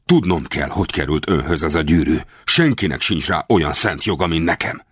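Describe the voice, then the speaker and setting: A man voicing an excitable, commanding middle-aged frontiersman who fires off urgent, demanding questions. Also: a bass voice, breathy edge, no echo, studio quality, full character voice.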